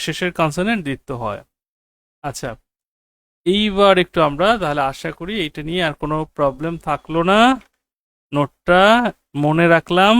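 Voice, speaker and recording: A man's voice: on the high side, a bit bright. A man lectures on English grammar in a slightly raised voice. He says the key phrases over and over for emphasis and keeps checking that his students understand. The sound is dry and close, with no room echo. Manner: quizzes students with rhetorical checks. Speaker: English teacher.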